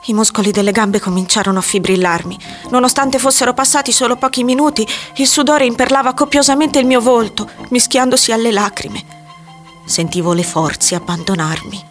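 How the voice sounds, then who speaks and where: Woman narrating a dramatic story. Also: mid-range voice. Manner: measured, dramatic delivery. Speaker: audiobook narrator. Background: faint music.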